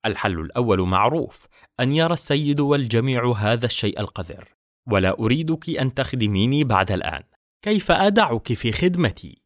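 A man's voice: mid-range voice, sing-song, a little fast, no room sound, clean studio sound, natural voice. A man putting on a cold, imperious young wife. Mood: scornful. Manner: sharp, cold and commanding. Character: angry scornful young fourth wife, imperious.

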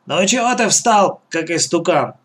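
A man voicing a harsh, bossy old female bandit leader who barks commands in a shrill voice. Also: expressive, moderate pace, a bit bright. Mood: scornful.

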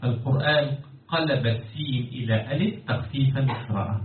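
A man's voice: medium pitch, fairly quick. A man with an Egyptian accent teaching Quran commentary and Arabic morphology, often stopping to quiz his students. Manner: keeps quizzing students and pressing them for answers. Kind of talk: classroom lecture with questions to students. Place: lecture hall with students. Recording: echoey, distant, phone-like, crowd noise.

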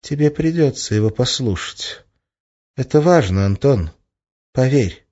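A man's voice: medium pitch, animated, unhurried, dark tone, voice pushed up. A man voicing a playful, sly young witch woman in an audiobook, teasing and coaxing in a lilting tone. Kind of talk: audiobook character voice. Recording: slightly muffled lo-fi recording.

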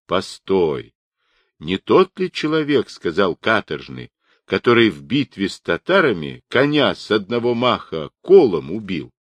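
A man's voice: on the low side, sing-song, unhurried, a bit bright, dry recording, heavily acted. A man reading a curious old-time convict.

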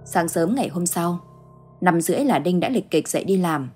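A woman narrating a ghost story in a steady, measured storytelling manner. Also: fairly low pitch, faint music behind.

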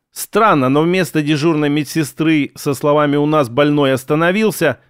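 Brief: male audiobook narrator, steady storytelling, somewhat high voice, dry booth sound. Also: no room sound. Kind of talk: first-person audiobook narration.

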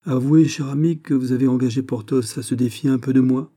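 A man's voice: mid-range voice, fairly even intonation, fairly quick, mellow, pitched above the performer's own voice, natural voice. Aramis, a man reading a cunning, suspicious bishop. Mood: probing. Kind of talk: audiobook character reading.

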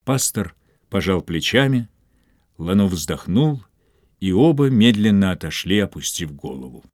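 A man narrating an audiobook in a steady, measured reading. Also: deep voice, dry recording, clean studio sound.

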